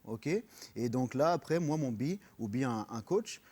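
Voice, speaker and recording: Earnest French-accented man, halting speech. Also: mid-range voice, lively intonation, warm tone. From France. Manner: earnest, halting, many fillers, mixes in English. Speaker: personal trainer, guest. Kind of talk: radio interview.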